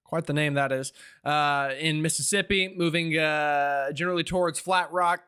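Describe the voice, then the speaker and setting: A man hosting a live weather stream, giving informal, urgent and excitable storm commentary while thinking aloud. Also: fairly high pitch, normal speed, clean tone.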